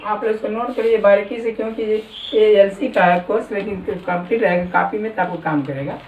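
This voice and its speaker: A man teaching a classroom lesson, slowly dictating words for students to copy. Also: high-pitched, highs cut off, a little hiss or hum. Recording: echoey room from far off.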